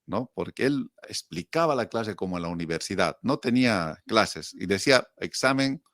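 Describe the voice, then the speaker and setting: With a lowish voice at normal speed, captured in studio quality without echo, a middle-aged man with a Bolivian accent shares memories casually as an interview guest. He animates his stories by performing quotes and posing rhetorical questions to himself.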